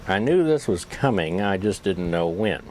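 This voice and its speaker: A man's voice: low voice, very animated, moderate pace, a little mellow, a little hiss or hum. A man chatting casually to camera in a folksy, rambling, self-deprecating way, as if with a pipe in his mouth. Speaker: pipe-smoking YouTube vlogger.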